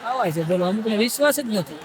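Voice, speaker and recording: A man's voice: sits high, expressive, fast, crowd noise, noisy background. A man doing stand-up comedy, telling a run of jokes in a chatty way, asking the audience along and breaking into snatches of song. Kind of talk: Gujarati joke telling.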